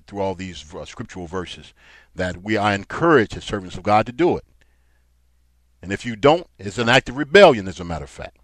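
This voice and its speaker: A low-pitched man preaching, reading scripture aloud and then explaining it. His voice rises in force as he drives his points home. The sound is dry and close. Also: no room sound. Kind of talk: Bible teaching sermon.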